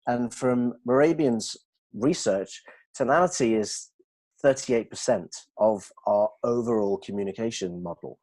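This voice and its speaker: A middle-aged man talking as a communication trainer, steady and explanatory. His voice sits at an ordinary middle pitch, and he keeps a teaching manner as he talks. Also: measured pace. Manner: steady, explanatory, demonstrates tones of voice. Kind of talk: explanatory discussion.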